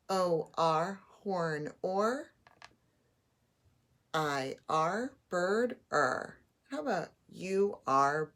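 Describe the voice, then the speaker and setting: A woman teaching a phonics and spelling lesson, patiently sounding out letters and words. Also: lowish voice.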